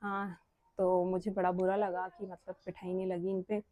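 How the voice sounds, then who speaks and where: A woman's voice: lowish voice, flat delivery, normal speed, mellow, no echo. A young woman from Uttarakhand, vlogging at home, chatty and earnest, pressing her points with rhetorical questions. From Uttarakhand, India. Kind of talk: casual vlog talk to camera.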